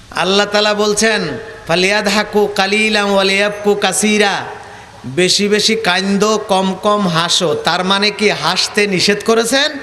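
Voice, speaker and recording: A man's voice: sits high, bright, forceful tone, roomy sound, slight background noise. A man preaching a sermon in colloquial Bangladeshi Bengali, telling stories and mocking the people in them with acted dialogue. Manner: storytelling with acted dialogue and mockery.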